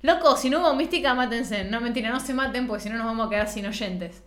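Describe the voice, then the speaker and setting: A woman's voice: on the high side, fast talker, a bit bright. Chatty Rioplatense woman, echoey room. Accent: Rioplatense Spanish. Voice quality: slightly nasal. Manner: chatty, slangy, self-mocking. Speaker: podcast co-host. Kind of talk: casual podcast chat.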